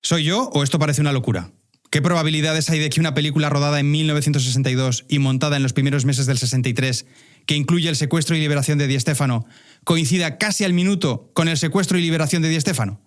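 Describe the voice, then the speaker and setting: A man's voice: fairly high pitch, fast. A man from Spain hosting a scripted narrative podcast, wry and addressing listeners directly with conversational asides. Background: faint music bed.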